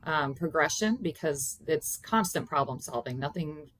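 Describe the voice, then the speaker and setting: A woman's voice: deep voice, lively intonation, normal speed, a bit bright. A woman in her forties answering interview questions conversationally as a guest on a video call. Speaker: guest, accounting consultant.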